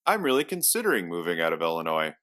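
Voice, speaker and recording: A man's voice: sits low, wildly swooping pitch, quick pace, pushed and bright. A man reading a scripted monologue, thinking aloud as he weighs a job move. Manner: thoughtful, talking to himself. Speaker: educator considering a job.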